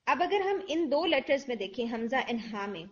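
Woman, tajweed teacher, patient and slow, fairly high voice, slightly muffled lo-fi audio. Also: big pitch swings. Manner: patient, explains slowly, mixes English words into Urdu; demonstrates letter sounds aloud. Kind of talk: online lesson.

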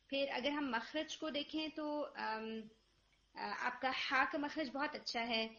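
Gentle woman teaching Quran recitation. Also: sits high, slight background noise. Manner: gentle, corrective, models recitation slowly. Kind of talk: online tajweed feedback. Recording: lo-fi online call audio.

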